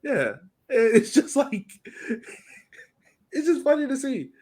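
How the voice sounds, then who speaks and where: Chatting casually about the game, this man co-hosts a soccer podcast in a loose, conversational style. His voice sits extremely high with a darkish tone, and although he's very animated, he takes his time.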